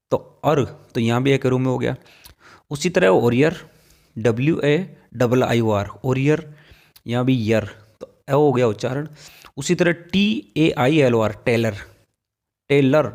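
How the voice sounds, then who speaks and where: A man's voice: mid-range voice, darkish tone. Male English teacher, patient and repetitive, spells out words while explaining rules. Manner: patient, repeats each rule several times and spells words letter by letter.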